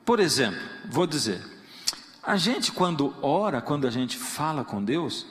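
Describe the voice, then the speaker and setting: A man's voice: a little high, big pitch swings, measured pace. A man, a pastor, preaching a sermon in a church, telling stories playfully and acting out quoted prayers in other voices. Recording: long reverb of a church hall.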